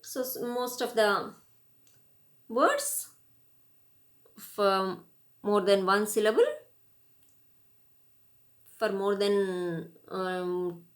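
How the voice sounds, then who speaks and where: Speaking slowly with frequent pauses, an English teacher with an Indian English accent gives a classroom grammar lecture. Her medium-pitched voice has fairly even intonation as she spells words out letter by letter and reads word lists.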